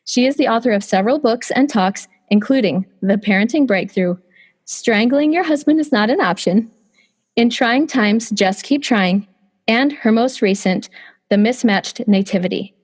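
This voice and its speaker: Slightly high in pitch and moderately paced, a podcast host opens with a read intro, then talks eagerly with her interview guest. Her voice is a bit scratchy today, though her enthusiasm comes through.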